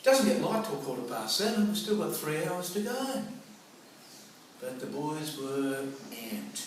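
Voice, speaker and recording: A middle-aged Australian man with a fairly high pitch tells a personal story, very animated yet unhurried. He's colloquial and theatrical, acting out remembered dialogue. A distant microphone captures him in a roomy, echoing, noisy space.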